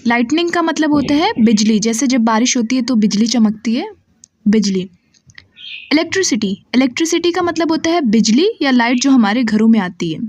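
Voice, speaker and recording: A woman teaching English vocabulary, saying each word and its meaning slowly and repeating both. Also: fairly high pitch, darkish tone, no room sound, clean studio sound. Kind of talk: slow word-by-word vocabulary drill.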